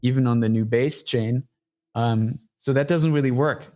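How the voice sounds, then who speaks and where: At a moderate pace, a man pitches his startup as a guest on a casual livestream show. His delivery is punchy, profane and blunt.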